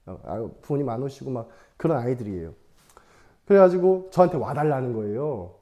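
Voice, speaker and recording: Young male evangelist, relaxed talky sermon to kids; warm, mellow, animated delivery. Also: mid-range voice, a little fast, muffled recording. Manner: chatty, playful, laughs often; asks the audience questions. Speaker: evangelist preaching to children. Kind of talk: casual sermon with storytelling.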